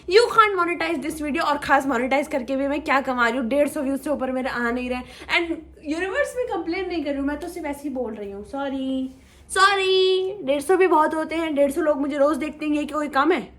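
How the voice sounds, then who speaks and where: A young woman vlogging in an easygoing chit-chat style, with a high voice. She talks straight to her viewers, playful and teasing, and keeps the chatter going. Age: young adult. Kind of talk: casual chit-chat vlog.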